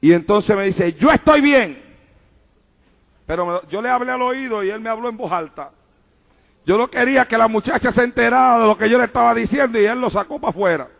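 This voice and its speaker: Fervent preacher guy, really high pitched and kinda gravelly, preaching to his church. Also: fast talker, a bit bright. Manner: fervent, repetitive preaching with calls to the congregation. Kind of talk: sermon. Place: church in New York.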